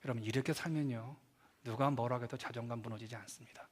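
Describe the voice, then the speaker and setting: Middle-aged guy preaching sunday sermon, dramatic, loud then hushed, long church echo. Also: mid-range voice, steady tone, fast, husky. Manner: dramatic, swings between loud acted quotes and hushed asides. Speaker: pastor. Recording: long church hall reverb.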